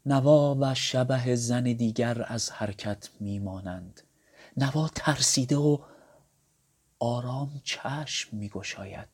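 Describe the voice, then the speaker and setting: A man narrating the stage directions of an audio drama in a calm, measured way. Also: medium pitch, breathy edge.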